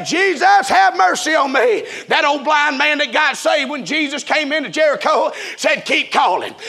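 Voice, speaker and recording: A man preaching a revival sermon in a chanting, shouting cadence. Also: very high-pitched, creaky.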